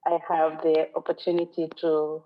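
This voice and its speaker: A woman's voice: low-pitched, completely flat delivery, normal speed. A woman from western Kenya with a Kenyan accent, giving an earnest, reflective sermon as a guest speaker at a church. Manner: earnest, reflective, quotes scripture and song lyrics. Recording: phone-like narrow sound.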